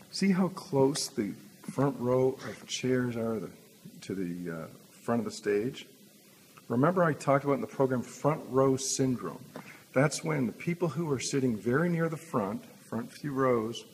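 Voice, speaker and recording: A man's voice: medium pitch, big-room sound, poor audio. A man in his forties, a performer and instructor, giving an informal walkthrough to a handheld camera inside an empty theater. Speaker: stage hypnosis instructor and performer. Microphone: handheld camera at arm's length. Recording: noticeable background noise.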